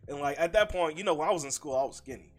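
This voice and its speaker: A man's voice: on the high side, very fast, soft background music. A young adult man co-hosting a podcast, giving his opinions in a laid-back, slangy way, swearing and saying "bro" a lot. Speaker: podcast co-host. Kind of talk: casual opinion chat.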